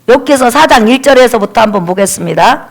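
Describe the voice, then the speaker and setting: A woman's voice: fairly high pitch, lively intonation, fast talker. A woman pastor preaching a sermon, telling the story emphatically and often turning to speak straight to the congregation.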